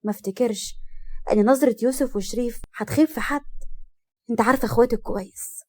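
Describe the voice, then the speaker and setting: A woman voicing a gentle mother who coaxes her daughter, in an Egyptian accent. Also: on the high side, fast, close to an everyday voice. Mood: persuading.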